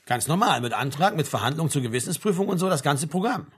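Guy doing chill young dude, dry and low-key, bit husky. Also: expressive, fast. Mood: dry, wry. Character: laconic, reserved young man.

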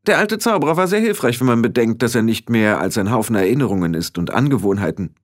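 A man voicing a stern, sharp-tongued old female witch in an audiobook, speaking in firm, clipped commands. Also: mid-range voice, animated, quick pace, close to an everyday voice. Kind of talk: audiobook reading.

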